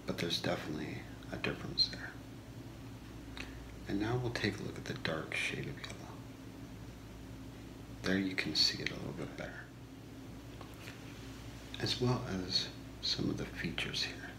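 A man in his thirties doing a whispered role-play as a shopping channel host, soft-spoken, with a slow, deliberate product pitch in a small room. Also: animated. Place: small home room, indoors. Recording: echoey room with clear background noise.

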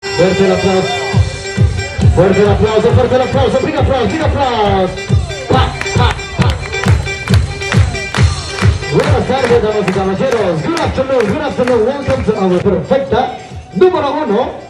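A man as a hyped bilingual show announcer, booming out drawn-out introductions like a lucha libre announcer over an echoey outdoor PA. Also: lively intonation. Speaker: sea lion show announcer. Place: outdoor marina-side show pool. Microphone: PA system, picked up by audience phone. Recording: echoey PA from far off, loud music and crowd.

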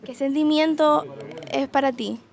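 A woman's voice: high-pitched, steady tone, a little slow, vocal fry. A woman working as a TV reporter, teasing and joking with the people she interviews and laughing often. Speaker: TV reporter interviewing carnival group members. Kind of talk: playful street interview.

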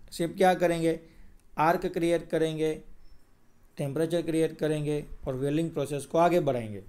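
A man's voice: fairly high pitch, darkish tone. A man with a Gujarati accent lecturing over slides, explaining steadily and often checking whether students follow. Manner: explains in Hindi mixed with English terms, checks "clear?". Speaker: teacher. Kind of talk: screen-recorded lecture.

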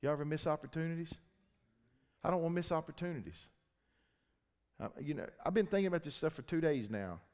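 Male pastor, high voice, preaching in a reverberant church hall, loud then hushed. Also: lively intonation, fast, long pauses. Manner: swings between loud shouting and low intense talk. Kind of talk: sermon.

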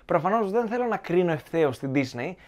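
A man's voice: high voice, lively intonation, darkish tone. A man giving opinionated film commentary to viewers, arguing his points in a sarcastic, argumentative way.

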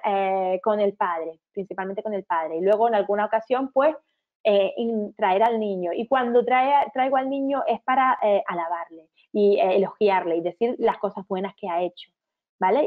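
Woman lecturing over a tinny line. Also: medium pitch. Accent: Canarian Spanish. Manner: acts out warm, sing-song quotes to children. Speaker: speaker giving an online lecture to educators. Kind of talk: online lecture. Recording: tinny phone-like sound.

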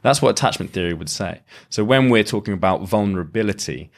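Deep-voiced man, thoughtful and unhurried. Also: expressive. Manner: thoughtful, explains at length with frequent restarts. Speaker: podcast guest, lyricist. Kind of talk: reflective conversational interview.

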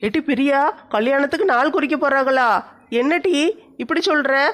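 A woman's voice: high-pitched, normal speed, close to an everyday voice. A tall, bossy village woman, newly married, played by a woman. She teases and coaxes, as in a comic skit. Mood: reassuring. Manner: teasing, loud, coaxing.

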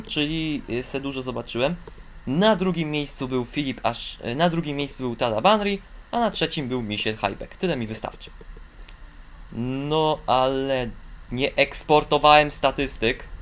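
A man calls ski jumping in a video game, his voice at an ordinary middle pitch. He breaks into high, excited shouts on the long jumps and stumbles over fillers and restarts. A faint hiss sits under the voice.

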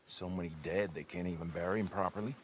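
A man's voice: sits low, fairly even intonation, fast, a little hiss or hum, lightly acted. A man voicing a grave Old West townsman in a video game, giving cautious warnings in a spoken tone.

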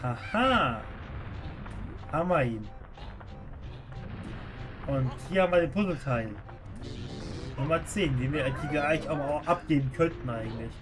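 Man, slightly high voice, casual live gaming commentary, music playing clearly behind. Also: expressive, a little slow, pauses often. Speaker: VTuber game streamer. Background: video game music.

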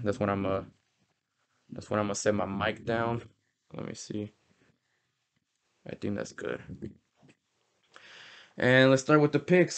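A man's voice: mid-range voice, clear, resonant tone. A young man hosting a casual football prediction show, chatty and prone to correcting himself as a fan. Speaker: host. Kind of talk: casual sports prediction talk.

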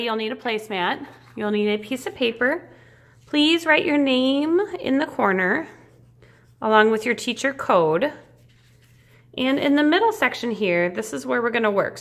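Creaky-voiced woman teaching a hands-on lesson. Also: medium pitch, fairly bright tone. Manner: encouraging, reassuring, informal. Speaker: art teacher. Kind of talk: instructional demonstration, step-by-step and casual.

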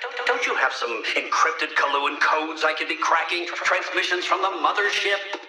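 An actor playing a smug, condescending genius supervillain in a video game, with a pompous, sneering, theatrical delivery. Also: male voice, on the high side, animated, moderate pace, over music, close to an everyday voice. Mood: irritated.

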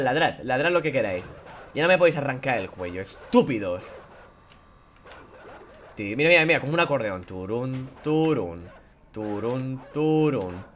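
A man commentating a horror game playthrough, taunting and swearing at the characters in a playful, animated way. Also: on the high side, slight background noise. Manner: animated, playful sound effects and singing. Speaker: gameplay commentator. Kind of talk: casual let's-play commentary.

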